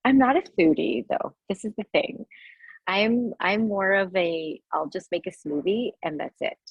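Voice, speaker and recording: A woman's voice: mid-range voice, a little slow, gravelly, slightly rough, no echo, lo-fi sound. A woman guest on a podcast call, talking casually, laughing often and saying "like" a lot. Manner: warm, laughing, uses "like" a lot. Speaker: guest author and coach. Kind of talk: casual interview chat. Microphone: video call.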